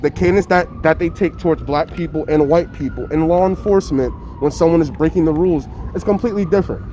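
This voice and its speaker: Guy with a pretty high voice arguing hard thru a face mask, repeats himself to make the point, faint wind noise. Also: quick pace, warm tone. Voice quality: slightly muffled, speaking through a face mask. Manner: emphatic, insistent, repeating phrases for emphasis. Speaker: interviewee giving opinions. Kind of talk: impassioned street debate.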